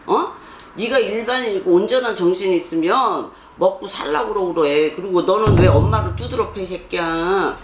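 A blunt fortune teller lectures and scolds, pushing for answers with sharp repeated questions. The voice sits in a roomy space. A faint hiss of background noise runs underneath. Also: mid-range voice, normal speed. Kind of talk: scolding counsel session.

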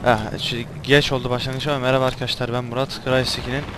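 A man doing casual let's-play commentary, crude and swearing, with loud angry outbursts at the game. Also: medium pitch, little pitch movement, racing, background noise. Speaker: gameplay commentator. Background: game music and sound effects.

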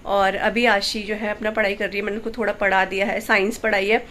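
A woman's voice: medium pitch, level tone, fairly quick, a bit bright, a little hiss or hum. A woman from India, a mother, chatting casually through a home vlog in a homely, rambling way. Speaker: vlogger, mother. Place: family home.

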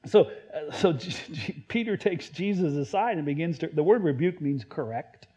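A man preaching a sermon in a conversational way, stumbling and restarting, now and then acting out Bible quotes loudly. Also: fairly high pitch, lively intonation, moderate pace, muffled recording. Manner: conversational, self-deprecating preaching with many restarts. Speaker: pastor.

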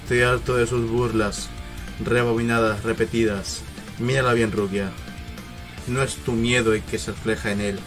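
Guy doing a creepy anime villain, low and hushed, all about fear, music under it. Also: level tone, moderate pace, close to an everyday voice. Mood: menacing. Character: menacing male villain obsessed with fear. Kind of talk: anime dub dialogue.

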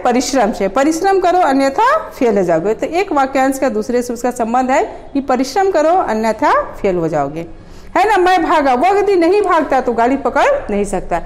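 High-voiced Hindi woman teacher. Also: a little mellow. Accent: Jharkhand Hindi. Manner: explains with repeated examples and questions to students. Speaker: school teacher. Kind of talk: classroom grammar lecture.

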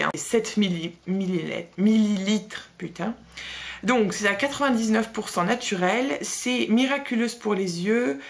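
A woman's voice: medium pitch, creaky. A young woman vlogging a casual beauty box review, chatty and blunt, with slangy asides and lots of fillers.

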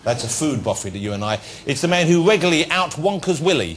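A man hosting a chat show, cracking quick jokes. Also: on the high side, very noisy. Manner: jokey, lively, quick quips. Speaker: talk show host. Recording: studio with loud audience. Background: audience laughter and applause.

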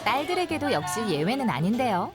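A woman's voice: fairly high pitch, sing-song, brisk. A woman reading scripted television documentary narration as a voice-over. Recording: studio voice-over under loud music.

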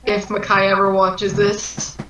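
A woman's voice: medium pitch, monotone, measured pace, a bit bright, faint music behind. A woman chatting casually with friends on a group voice call, sometimes stumbling and restarting as she steers the talk. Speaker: script writer in a friends' Discord call. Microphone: voice chat headset or desk mic. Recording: distant, echoey, dull voice-chat audio.

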